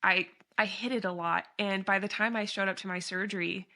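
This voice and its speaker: A woman hosting a podcast, chatting casually in an animated way, laughing easily and using lots of fillers. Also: mid-range voice, a little fast. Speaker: podcast host.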